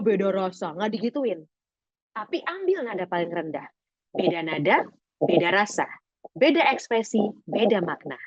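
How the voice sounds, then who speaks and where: Lively woman teaching over a video call. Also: fairly high pitch, no room sound. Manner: expressive, lively, demonstrates voice exercises. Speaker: public speaking trainer. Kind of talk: webinar lesson. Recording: dull lo-fi video call audio.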